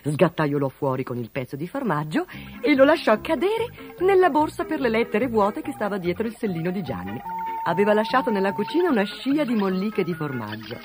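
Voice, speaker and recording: A storyteller reading a children's fable aloud in an expressive, animated way. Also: medium pitch, a little fast, over music. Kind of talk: scripted storybook narration.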